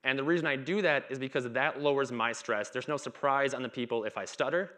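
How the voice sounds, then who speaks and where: This conference talk comes from a man in his thirties on a dark stage, delivered in a relaxed, chit-chat way. He speaks fast at medium pitch with a fairly bright tone, stumbling through stutters, repeats and blocks.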